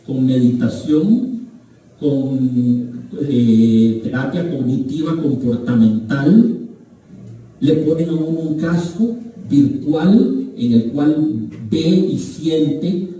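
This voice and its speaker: A Costa Rican man with a very dark, mellow voice gives a literature lecture. He reads passages aloud and breaks off into animated asides. He sounds distant, caught by an echoey auditorium mic, with faint noise underneath. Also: medium pitch. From Costa Rica. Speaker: humanities lecturer. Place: museum auditorium.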